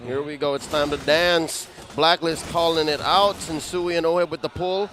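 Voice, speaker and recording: A man working as an esports caster, calling a live game in dramatic, clipped phrases with excited delivery. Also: fairly high pitch, moderate pace, slight background noise.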